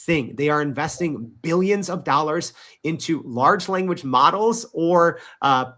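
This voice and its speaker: A man's voice: a little high, fairly bright tone. A man speaking as a podcast guest in an interview, emphatic and peppering his talk with "right?" and "you know". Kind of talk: interview conversation.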